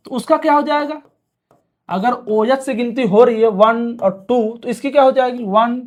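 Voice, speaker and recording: A man's voice: extremely high pitch, moderate pace. A male chemistry teacher giving an exam-prep lecture who asks questions aloud, answers them himself, repeats key terms and keeps urging students to pay attention. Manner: repeats key terms several times over.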